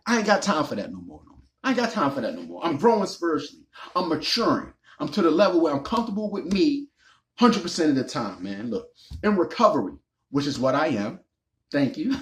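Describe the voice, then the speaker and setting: A man, talking straight into the camera with emphatic, preachy conviction. His voice sits a little high and swings widely up and down as he drives his points home. He keeps circling back to the same ideas and tags lines with "man.". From Baltimore, Maryland. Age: 40s. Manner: emphatic, repetitive, preachy, slangy with "man" asides. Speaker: recovery vlogger. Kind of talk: casual motivational monologue.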